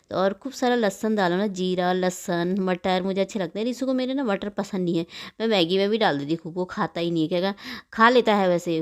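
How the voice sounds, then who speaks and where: Fast-chatting woman vlogger. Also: medium pitch. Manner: rambling and fast, talks quickly by her own account. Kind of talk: chatty voice-over about her morning cooking.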